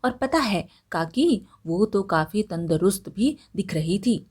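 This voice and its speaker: A woman's voice: mid-range voice, animated, measured pace, a little mellow, husky. A woman voicing a clever young village man who teases and accuses his neighbor, in a storybook reading. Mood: teasing.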